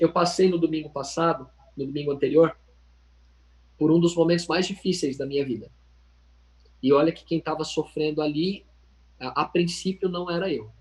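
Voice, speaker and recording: A Brazilian man with a slightly high voice leads a Bible study over a video call. He tells a personal story in an earnest way and keeps turning to his listeners. The audio has the plain sound of an online meeting. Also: darkish tone, low-quality recording. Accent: Brazilian Portuguese. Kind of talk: informal Bible study teaching.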